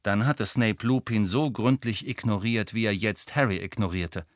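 A man reading a novel aloud as an audiobook narrator in a measured storytelling manner. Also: lowish voice, no echo, clean studio sound. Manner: measured storytelling with character voices. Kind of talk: scripted narration.

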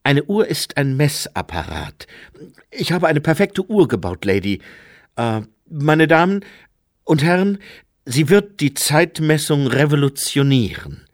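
A man voicing Jeremy, a nervous, eager young clockmaker, talking in a tense, excited and stumbling way. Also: fairly low pitch, measured pace, no echo, studio quality. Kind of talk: audiobook character voice.

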